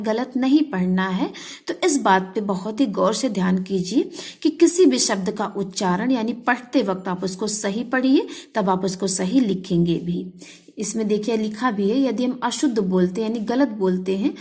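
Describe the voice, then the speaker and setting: A woman's voice: mid-range voice, darkish tone. A woman teacher patiently explaining a grammar lesson to children, repeating each point in simpler words.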